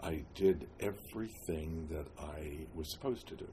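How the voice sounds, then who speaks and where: An elderly American man from New Jersey reminisces about his life in an interview, halting often with long pauses and hesitations. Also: extremely low pitch, dark tone, slight background noise. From New Jersey, United States. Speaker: oral history interviewee. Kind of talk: reminiscing, telling life story.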